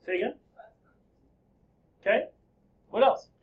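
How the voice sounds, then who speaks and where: High-voiced, joking male history teacher. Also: slow, muffled recording. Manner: lively, joking, quizzing students. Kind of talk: classroom lecture. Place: classroom.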